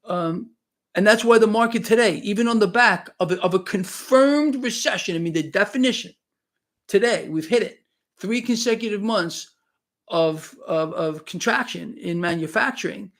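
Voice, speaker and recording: A man just shy of sixty who talks at a rather high pitch for a man. He lectures his live audience in a fervent, preachy tone. He loops back on his words and restarts his sentences often. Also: moderate pace. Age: 50s. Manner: fervent, preachy, repeats himself, many restarts. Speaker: financial livestream host. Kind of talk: unscripted live-stream commentary, reading chat.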